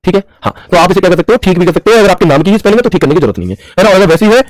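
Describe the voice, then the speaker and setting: Male computer teacher, quick-fire delivery, self-answering questions, dry close mic. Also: high voice, expressive, dry recording, low-quality recording. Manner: repeats questions to the class and answers them; mixes English terms into Hindi, calls students bhaiya. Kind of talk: screen-share tutorial lesson.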